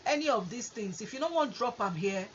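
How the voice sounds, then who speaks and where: A woman with a Nigerian accent hosting a conversational advice talk in Nigerian Pidgin, with an animated way of explaining things. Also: a little high, a little fast. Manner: animated, acts out example exchanges. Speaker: host. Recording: muffled lo-fi audio with faint noise.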